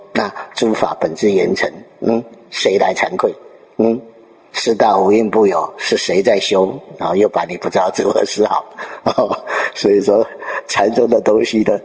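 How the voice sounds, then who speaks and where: Male dharma teacher, lower register, lively storyteller who quizzes his listeners; recorded with long hall reverb. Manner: checks in with rhetorical questions to listeners. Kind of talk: dharma talk retelling a Zen story.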